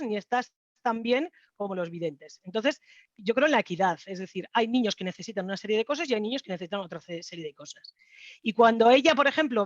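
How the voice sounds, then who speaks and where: A woman's voice: a little high, no room sound, dull audio. A woman speaking as a mother at a round-table discussion, earnest and conversational with many fillers. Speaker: mother of a child with a rheumatic disease.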